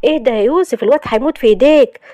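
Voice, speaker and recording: A woman's voice: sits high, rapid-fire, dark tone, no room sound, pitched above the performer's own voice, lightly acted. Woman doing a placating, anxious male friend. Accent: Egyptian Arabic. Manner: pleading, placating.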